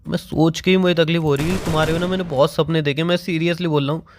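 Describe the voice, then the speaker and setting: High-voiced young man pleading. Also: level tone, fast, slight background noise. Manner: pleading, tearful and heated. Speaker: boyfriend in a prank video. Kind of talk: emotional couple prank vlog.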